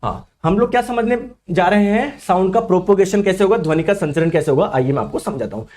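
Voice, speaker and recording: In a lively classroom lecture, a high-pitched man whose voice sits above most men's talks fast and animatedly, his throat a little sore. He repeatedly poses questions to the class and answers them himself in the students' voice.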